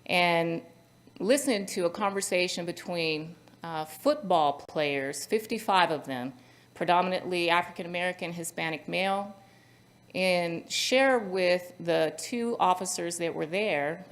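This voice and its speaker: A woman's voice: lowish voice, measured pace. A woman moderating a conference panel, talking earnestly and telling a story, with frequent ums and uhs. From Central Valley, California. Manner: earnest, storytelling with many fillers.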